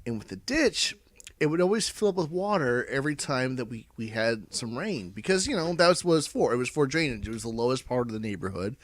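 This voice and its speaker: Animated drunk man telling a rambling story. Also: mid-range voice, fast talker. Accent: American. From Indiana, United States. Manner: drunk, rambling, profane, repeats himself. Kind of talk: casual drunk storytelling among friends.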